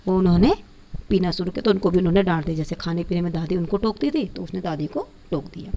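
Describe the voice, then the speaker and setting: A woman's voice: on the low side, fast, warm tone. A woman teacher reads a school lesson aloud and explains its words simply for young students. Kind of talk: reading and explaining a class 5 Hindi textbook lesson. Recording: dull lo-fi recording, faint background noise.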